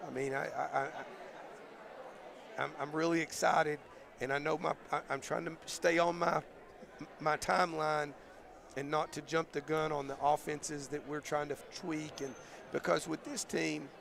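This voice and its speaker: A male basketball coach, talking in a halting, thoughtful way with many fillers, his voice going hoarse, in a postgame interview. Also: on the high side, little pitch movement. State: losing his voice. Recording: crowd noise behind.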